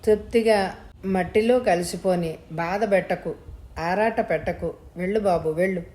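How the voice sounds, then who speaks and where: A woman voicing a rough but kind-hearted male cemetery watchman who consoles a grieving boy. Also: on the low side, normal speed, natural voice. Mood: consoling. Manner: gruff but gentle consoling.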